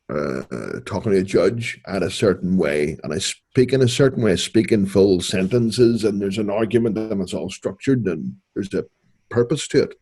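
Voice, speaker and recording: A middle-aged man with a Belfast accent, co-hosting a podcast in relaxed, rambling casual chat. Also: on the low side, breathy edge. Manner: relaxed, rambling, self-correcting. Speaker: podcast co-host.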